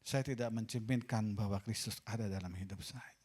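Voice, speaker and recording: A man with an Indonesian accent preaching a sermon as pastor in a church, swinging between loud, mocking asides and quiet, confessional lines. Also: on the low side, moderate pace, husky. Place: church sanctuary. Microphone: pulpit microphone.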